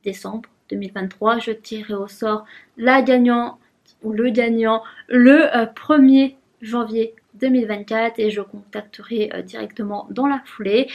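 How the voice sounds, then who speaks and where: A woman's voice: on the high side, fairly even intonation, measured pace, darkish tone, dull audio. A young woman chatting casually in a vlog at her desk at home, giggly and talking to herself as she unboxes things. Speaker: vlogger.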